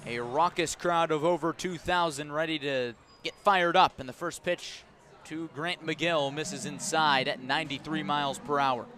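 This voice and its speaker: An American play-by-play announcer calls a baseball game live on the radio in a sharp, fairly high voice at a moderate pace. He narrates dramatically in short, clipped phrases.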